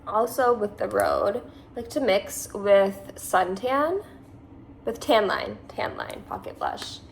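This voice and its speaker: Speaking slowly with vocal fry at a medium pitch, a Massachusetts-born beauty vlogger in her twenties rambles casually through a makeup tutorial in a Californian accent, saying "like" often. Audio quality is poor, with a bit of hiss or hum.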